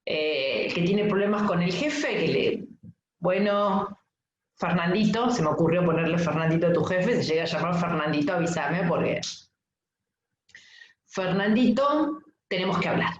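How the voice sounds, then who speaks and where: A middle-aged woman coach with an Argentine accent, teaching a webinar in a lively, anecdotal way and often asking "¿sí?" to check in with her listeners. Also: fairly low pitch, fairly quick, few pauses, a little hiss or hum. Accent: Argentine Spanish. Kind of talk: webinar lesson. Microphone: video call mic. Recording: echoey room, dull lo-fi sound.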